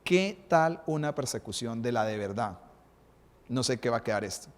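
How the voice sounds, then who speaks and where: A man's voice: mid-range voice, normal speed. Man preaching a sermon, reverberant hall. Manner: animated preaching with rhetorical questions. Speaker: pastor.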